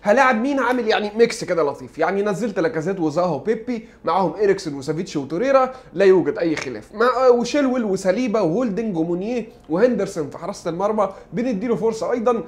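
A young man with an Egyptian Arabic accent, joking and excitable as he gives playful commentary on a football manager game. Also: high-pitched, very fast, hardly any pauses. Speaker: gaming YouTuber.

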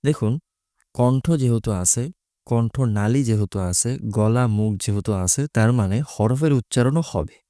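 A man's voice: mid-range voice, normal speed, mellow, clean tone, dry recording, clean studio sound. A man teaching Quran recitation, explaining Arabic letters patiently and methodically, repeating each letter's sound.

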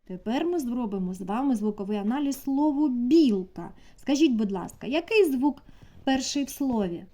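A woman teaching a preschool class, asking the children slow, sing-song questions. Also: fairly high pitch, animated, mellow. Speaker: kindergarten teacher. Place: kindergarten classroom.

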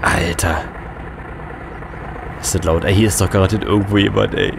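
A man's voice: low-pitched, fairly even intonation, moderate pace, vocal fry, noisy background. A young man, slightly congested, giving casual, slangy and jittery commentary as a scared horror game streamer. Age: young adult. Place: indoors at a gaming desk. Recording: game music behind the voice. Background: game music and sounds.

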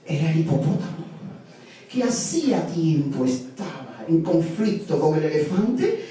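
Lively mellow storyteller in an echoey hall. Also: medium pitch. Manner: playful, sing-song repetitions. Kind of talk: live folk tale telling. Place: live event room. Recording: echoey live room from far off.

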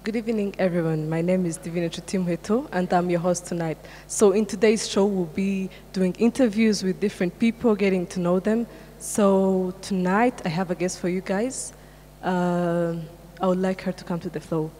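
A woman's voice: on the low side, fairly even intonation, moderate pace, dark tone, long reverb tail, a little hiss or hum. A young woman playing a talk show host in a comedic stage sketch, asking upbeat interview questions.

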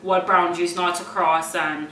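Hesitant young woman, bright roomy sound. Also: lowish voice, little pitch movement, moderate pace. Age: young adult. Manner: hesitant, many ums and likes. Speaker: university student. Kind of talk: casual chat. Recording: roomy, mic at a distance, faint hiss.

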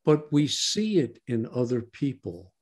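A man co-hosts a podcast in a casual, folksy, conversational style, repeating short phrases for emphasis. His medium-pitched voice is a little mellow and very animated, though he never hurries.

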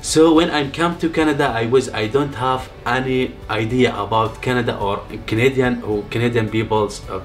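A Syrian refugee in his thirties, seated on a couch in a living room, tells his story in a personal testimony interview. He speaks soft, halting English with a Syrian Arabic accent and many pauses, at medium pitch, with faint music in the background. An off-camera mic captures him in medium framing.

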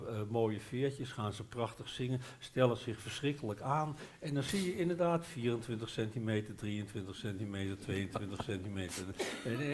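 An older man from the Netherlands with a Dutch accent, talking as a guest on a live bookshop stage. He tells an animated story on a headset mic, stopping to restart his sentences and hesitating often. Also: mid-range voice, a little hiss or hum. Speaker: guest author. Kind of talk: live literary café talk.

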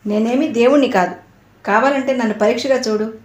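A woman's voice: fairly high pitch, a little fast, darkish tone, natural voice. Woman doing a cheerful young male doctor, teasing, playful, roomy sound. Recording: roomy echo.

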